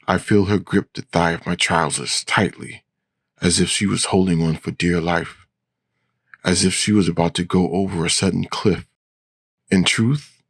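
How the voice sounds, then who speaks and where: An audiobook narrator with a low-pitched, somewhat bright male voice performs gothic horror as a centuries-old vampire, formal, courtly, composed and menacing. There's no echo.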